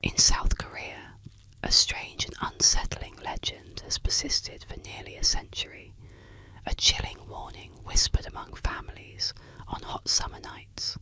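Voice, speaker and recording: Whispered ASMR storyteller, bright and breathy. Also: unhurried. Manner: scripted, suspenseful storytelling. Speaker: narrator. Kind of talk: whispered ASMR narration of eerie urban legends.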